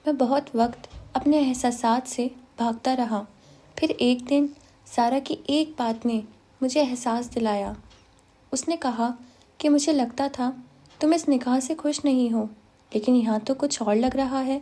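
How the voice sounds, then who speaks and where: A calm, soft-spoken young man, gentle and quietly in love, as a woman reading a novel aloud puts him on. The voice sits high, with a mellow, warm tone. He speaks in an even, unhurried way. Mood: calm, tender.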